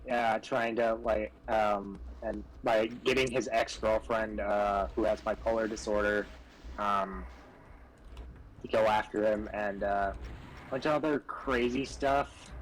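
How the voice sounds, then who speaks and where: A man's voice: lowish voice, slight background noise, rough recording. A young man chatting casually on a podcast, hesitant and full of fillers as he explains things. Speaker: podcast co-host. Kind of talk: casual chat.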